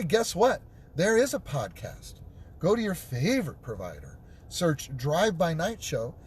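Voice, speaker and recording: A man hosting a call-in show while driving, reading viewer comments out loud and chatting casually, often stumbling and repeating words. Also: a little high, slight background noise. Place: inside a car, driving.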